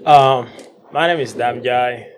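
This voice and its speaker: A man in his twenties from Senegal, a police officer guest, introducing himself calmly on a podcast. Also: medium pitch, takes it slowly, noisy background. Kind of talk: casual interview.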